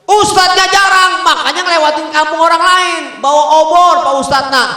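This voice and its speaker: A man's voice: very high voice, steady tone, brisk, pushed and bright. A middle-aged man with a Betawi Jakarta accent gives a humorous sermon, joking with the congregation and chanting Arabic verses. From Jakarta, Indonesia. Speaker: preacher. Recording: very echoey hall with long reverb.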